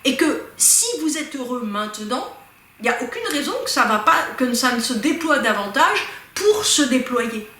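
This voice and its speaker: A woman giving a casual spiritual talk, lively and animated, speaking straight to her listeners with many asides. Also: a little high, moderate pace, roomy sound. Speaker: spiritual teacher.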